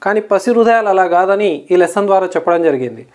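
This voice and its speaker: A woman with a Telugu accent, a teacher who explains English words slowly, spells them out letter by letter and keeps checking that the class follows. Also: medium pitch, lively intonation, a little mellow. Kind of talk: recorded vocabulary lesson.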